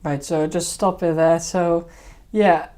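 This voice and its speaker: A woman hosts a live stream for her fishkeeping channel, speaking slowly in a low-ish, dark voice with fairly even intonation. She rambles casually and hesitantly as she goes over her old videos.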